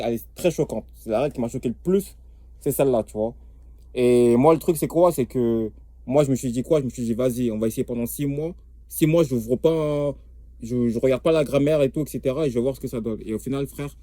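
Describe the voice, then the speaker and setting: A man's voice: medium pitch, mellow, no echo, clean studio sound. A young man in casual, streetwise talk about learning languages, emphatic and repetitive, often checking that the listener follows. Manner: streetwise, repetitive, emphatic, keeps asking "tu vois". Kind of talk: casual slangy talk to camera.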